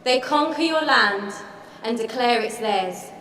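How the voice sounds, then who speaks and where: A woman reciting a scripted spoken-word monologue in a measured, rhythmic way. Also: on the high side, lively intonation, a bit bright, roomy sound, big-room sound, recorded from a distance, slight background noise.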